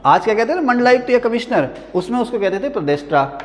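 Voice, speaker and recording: A man teaching a history lesson in a classroom, turning each point into a quick question and answer and joking with his students between points. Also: very high voice, very animated, slight background noise. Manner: repeats key answers as quiz-style questions. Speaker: history teacher at a coaching academy. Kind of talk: classroom lecture. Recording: long reverb of a hall-like classroom.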